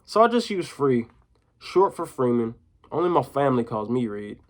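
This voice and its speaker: A man playing a gruff, sulky young boy, slow and grumbling, sometimes slower and lower, storybook read-aloud with just a light touch of character. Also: very animated, natural voice. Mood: complaining. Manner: sullen and grumbling.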